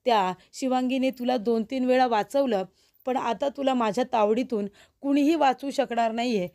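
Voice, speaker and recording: A woman's voice: on the high side, normal speed, dark tone, natural voice. A woman voicing a young woman's violent second personality in a retold TV serial, reading threats in a plain voice. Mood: menacing.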